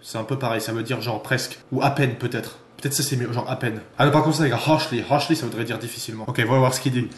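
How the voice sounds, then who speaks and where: A fast, excitable man chatting casually to camera. He swears freely and thinks out loud. His voice sits in a roomy, echoey space with faint noise behind it. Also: medium pitch. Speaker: vlogger. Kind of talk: casual vlog chat. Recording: roomy echo.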